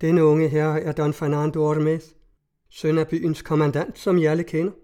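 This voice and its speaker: A man's voice: on the high side, flat delivery, warm tone, close to an everyday voice. A man reading a frightened young mother. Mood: pleading. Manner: pleading.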